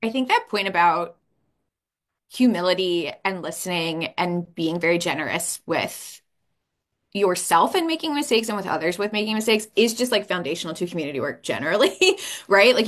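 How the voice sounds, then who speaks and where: A woman's voice: fairly low pitch, big pitch swings, moderate pace, fairly bright tone. A woman academic moderating a panel discussion, thoughtful and conversational with casual fillers.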